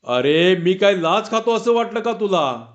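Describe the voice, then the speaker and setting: A man voicing a gruff, lordly middle-aged government officer in a lower voice. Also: animated, unhurried, dull audio.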